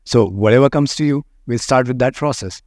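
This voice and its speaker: A man speaking as a meditation teacher, guiding listeners in a gentle, unhurried manner. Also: medium pitch, no echo, clean studio sound. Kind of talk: guided meditation and talk on loving kindness.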